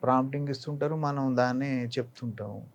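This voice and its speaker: Speaking briskly and steadily at medium pitch, the older Telangana actor answers interview questions with reflective anecdotes and advice, teaching through examples in a Telangana Telugu accent. The recording cuts off the highs and carries slight background noise.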